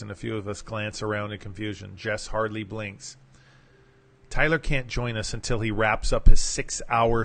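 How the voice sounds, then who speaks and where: Podcast host, man, mid-pitched voice, reads an article aloud and drops in offhand asides. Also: fairly bright tone. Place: home setup, broadcasting live.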